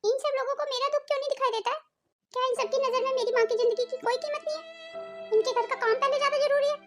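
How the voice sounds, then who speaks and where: A woman's voice: very high-pitched, fairly even intonation, fast talker, fairly bright tone, soft background music. A woman voicing a meek, pleading young daughter-in-law. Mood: despairing. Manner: pleading, plaintive. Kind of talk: melodramatic cartoon voice acting.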